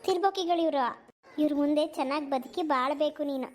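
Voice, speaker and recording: A woman's voice: high voice, quick pace, close to an everyday voice. A woman voicing an anxious village mother who coaxes her daughter in a cartoon. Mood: coaxing. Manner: coaxing, scolding. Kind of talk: cartoon voice acting.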